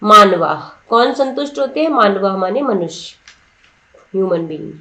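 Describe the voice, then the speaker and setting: A woman teacher explaining a textbook lesson slowly, word by word, asking her students questions as she goes. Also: mid-range voice, expressive, pushed and bright. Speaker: Sanskrit teacher. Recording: roomy echo.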